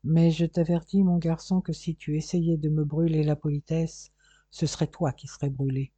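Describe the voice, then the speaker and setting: A man voicing a calm, threatening detective. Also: fairly high pitch, moderate pace, breathy edge, no echo. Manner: placid, firm, threatening. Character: calm, unflappable male police detective.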